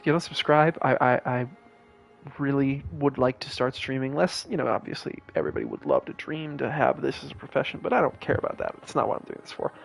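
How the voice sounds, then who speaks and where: Young male streamer, slightly high, tired, rambling casual commentary with fillers and swearing. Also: creaky, slightly rough. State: tired, yawning. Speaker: gaming streamer. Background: game music underneath.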